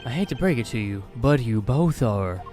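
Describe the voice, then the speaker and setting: A man's voice: medium pitch, lively intonation, normal speed, darkish tone, lightly acted. A composed male legal investigator voiced by a man argues formally with dry wit. The mid-range voice belongs to an improvised comic game dub, with faint music behind it. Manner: formal, wry.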